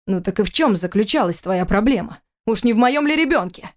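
A woman's voice: medium pitch, animated, brisk, lightly acted. A woman reading an audiobook voices a young husband in her own plain, questioning voice. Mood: angry. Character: young husband, tender then demanding.

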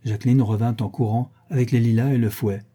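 A man reading a classic novel aloud as audiobook narration, measured and even. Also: medium pitch, breathy edge. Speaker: audiobook reader. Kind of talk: scripted narration.

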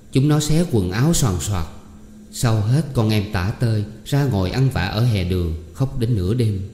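Male audiobook reader, even storytelling, mellow tone, echoey room. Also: on the low side, a little hiss or hum. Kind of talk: scripted narration of a novel. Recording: echoey room with long reverb.

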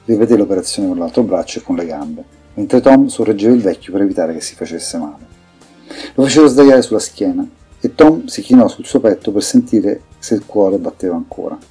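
A man narrates a fantasy audiobook in an even, measured read. His voice is low and dark with a husky edge. Soft music plays faintly underneath.

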